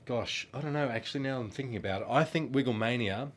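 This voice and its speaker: This former children's band singer talks fast in a medium-pitched voice. He's a middle-aged Australian man, congested from a cold, working through fan questions in a relaxed, friendly, meandering manner with plenty of ums.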